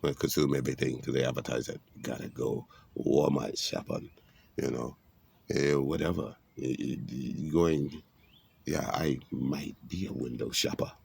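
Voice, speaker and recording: A vlogger with a very deep, gravelly, husky voice delivers a rambling, preachy monologue, streetwise in manner and weaving biblical references into casual talk. His tone is darkish and rough-edged, with fairly even intonation, a measured pace and no room sound.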